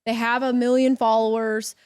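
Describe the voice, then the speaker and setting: A woman's voice: fairly high pitch, little pitch movement, normal speed, a little mellow, clear, resonant tone, no echo, clean studio sound. A woman with a Southern accent from Georgia, hosting a podcast interview in a chatty, anecdotal way. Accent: Georgia Southern American. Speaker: podcast host.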